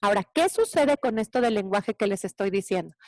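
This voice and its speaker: A woman teacher gives an animated parenting talk, acting out children's voices. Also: medium pitch, a little fast, dry recording.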